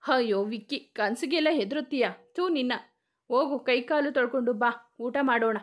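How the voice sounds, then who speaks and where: A woman's voice: a little high, moderate pace, close to an everyday voice. A woman voicing a young wife and mother with a teasing, fretful manner.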